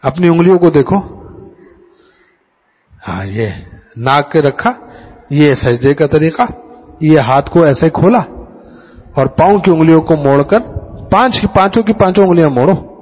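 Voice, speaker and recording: Male religious teacher, high, animated voice, slightly husky; dull lo-fi audio with a long hall reverb. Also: pauses often. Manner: demonstrative, addresses students directly; repeats key points in a drilled way. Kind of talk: teaching a class how to pray.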